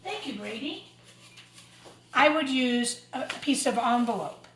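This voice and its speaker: An expressive woman with a fairly high, fairly bright voice demonstrates a craft for young children in an unhurried, informal way, describing each step as she goes. Echo and audible clatter come through in the recording.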